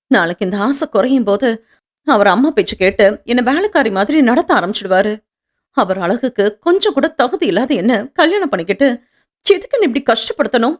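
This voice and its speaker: A woman's voice: fairly high pitch, natural voice. Woman voicing a hurt, insecure young wife. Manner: hurt, defensive outbursts.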